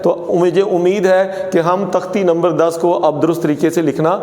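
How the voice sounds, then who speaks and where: A man teaching a pronunciation lesson, saying words slowly and contrasting wrong and right forms. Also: sits high, flat delivery, darkish tone. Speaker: Urdu teacher. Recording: echoey room with long reverb.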